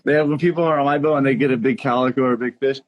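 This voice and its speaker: A man's voice: mid-range voice, steady tone, very fast, highs cut off, over a noisy crowd. A man who runs a fishing boat, chatting casually in a laid-back way and chiming in with short agreements. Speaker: boat captain. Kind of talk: casual chat.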